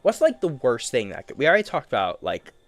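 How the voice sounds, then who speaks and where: A man's voice: medium pitch, huge pitch swings, fast. A man giving casual solo commentary while he plays a game, rambling to himself in a playful, easily amused way. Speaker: gaming streamer.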